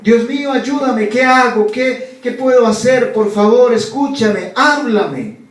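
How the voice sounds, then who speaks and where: A man voicing a desperate male climber hanging in the dark, crying out urgent, high-pitched pleas for help. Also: lively intonation, slow, full character voice. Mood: pleading. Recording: echoey church from a distant mic.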